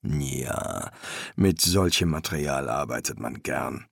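A man voicing a weary older master embalmer who answers in a dry, patient, deadpan way. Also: very deep voice, slow pace, gravelly, slightly rough, no echo, pitched below the performer's own voice, heavily acted.

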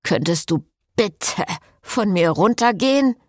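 A woman's voice: medium pitch, lively intonation, slow, darkish tone, no room sound, clean studio sound. A woman voicing a flustered young male priest who pleads and protests in an audiobook scene. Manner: pleading, exasperated.

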